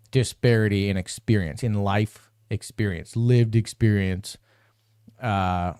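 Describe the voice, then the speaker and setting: A man's voice: fairly low pitch, darkish tone, dry recording, clean studio sound. A man in his forties hosting a solo live-stream podcast, rambling with restarts and building into a profane, exasperated rant. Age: 40s. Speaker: podcast host.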